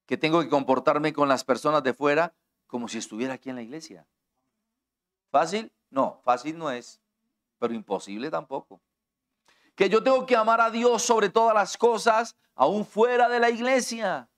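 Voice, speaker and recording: A man's voice: fairly high pitch, expressive, normal speed, a bit bright. A middle-aged man with a Colombian accent preaching a sermon as pastor, talking straight to his listeners and explaining with everyday examples. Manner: direct, conversational preaching that addresses listeners personally; explains with everyday examples and acts out quoted dialogue.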